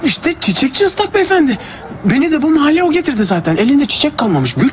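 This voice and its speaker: An actor playing a young man in a film comedy who talks fast and gets flustered when pushed. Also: very high voice, big pitch swings, slight background noise. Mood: joking. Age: young adult. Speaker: film lead. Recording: film soundtrack with loud music and crowd.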